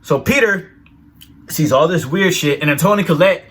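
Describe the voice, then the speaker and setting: Animated, profane male film reviewer. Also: on the high side, normal speed, husky. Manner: animated, profane, retelling scenes with reactions.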